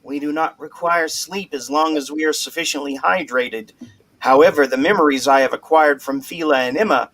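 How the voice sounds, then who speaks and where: Deadpan robotic slime woman, as read out by a man, near-monotone delivery. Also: low voice, normal speed, rough recording. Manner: monotone reading. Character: flat robotic female slime girl.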